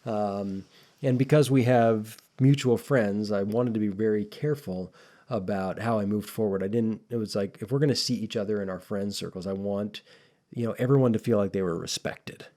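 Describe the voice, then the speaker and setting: A man's voice: on the low side, moderate pace, dark tone. A man co-hosting a podcast, talking casually and thoughtfully, rambling with frequent restarts. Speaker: podcast co-host.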